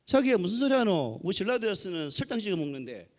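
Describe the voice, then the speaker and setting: A man's voice: high-pitched, sing-song, quick pace, in a large hall. Man putting on an indignant wife. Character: indignant Jeolla wife arguing back.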